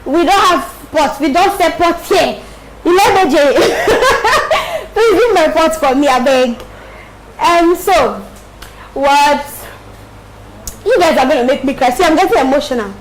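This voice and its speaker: A woman's voice: high voice, animated, a little slow, background noise. A Nigerian woman chatting casually with her viewers while she cooks, laughing often and mixing in pidgin phrases. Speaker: cooking livestreamer.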